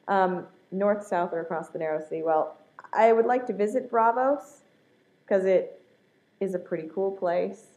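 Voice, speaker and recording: A woman's voice: mid-range voice, measured pace, mellow. A woman chatting casually and hesitantly, thinking aloud as she answers a list of fan questions. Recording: dull, lo-fi home recording.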